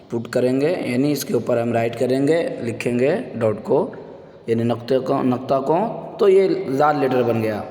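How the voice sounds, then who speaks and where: A man's voice: medium pitch, darkish tone. A man teaching beginners Arabic letters for reading the Quran. He explains each letter and has listeners repeat after him, and he stretches and sings out the letter sounds. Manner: drawn-out sung letter sounds for repetition; mixes English words into explanations. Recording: echoey room with long reverb.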